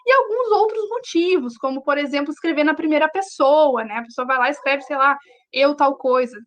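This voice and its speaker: A woman's voice: high voice, brisk. A young woman teaching a writing class online, chatty and always checking in with her students. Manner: chatty, addresses students directly, frequent "tá?" checks.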